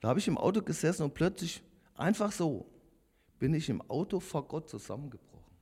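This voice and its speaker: A man's voice: a little high, sing-song, fairly quick, a little mellow, slightly rough. A man in his fifties giving an earnest, confessional personal testimony to a congregation, speaking directly to his listeners. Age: 50s. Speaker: lay preacher giving testimony. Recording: long hall reverb.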